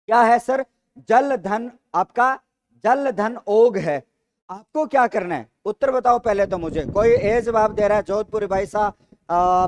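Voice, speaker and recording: A man's voice: high voice, a little mellow. A man with a Rajasthani Hindi accent teaching grammar in a live online class, repeating each question and answering it himself while calling viewers "sir". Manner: calls viewers "sir" constantly. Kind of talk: live online class, reading student comments.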